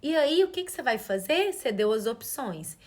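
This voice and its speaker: A woman's voice: on the high side, big pitch swings, normal speed, a little mellow. A woman, giving a live parenting talk in an earnest coaching way and asking rhetorical questions. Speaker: parenting educator.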